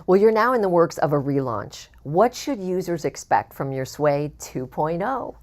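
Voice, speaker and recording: A man from Colorado co-hosting a talk show, delivering smooth scripted introductions and questions. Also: fairly high pitch, sing-song, moderate pace, darkish tone.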